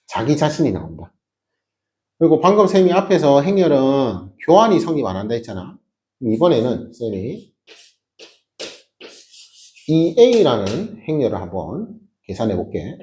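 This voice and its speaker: A man's voice: mid-range voice, warm tone. A man teaching a math class, explaining step by step with emphatic rhetorical questions to his students. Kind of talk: classroom lecture.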